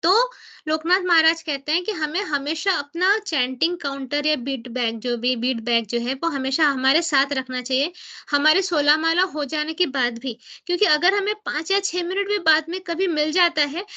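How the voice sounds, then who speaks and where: Woman giving a devotional class, high bright voice, chatty explaining. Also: lo-fi sound. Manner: explains in chatty mixed Hindi and English, asks and answers her own questions; reads English book passages slowly and deliberately.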